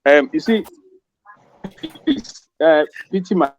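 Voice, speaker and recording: A reverend speaking on an online group call over a bad connection that keeps breaking up, insistently pleading to be let in to speak. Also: male voice, on the high side, lively intonation, takes it slowly, muffled recording, slight background noise. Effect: bad connection, audio breaking up on an online call. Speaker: reverend, panel participant.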